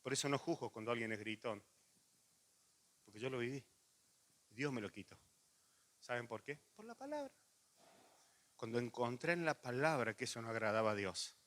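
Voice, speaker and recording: A middle-aged man with a Rioplatense Spanish accent preaching a sermon, moving from lively anecdotes to hushed, earnest appeals. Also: mid-range voice, normal speed, pauses often. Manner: animated storytelling with laughs, then quiet intimate pleading. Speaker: pastor.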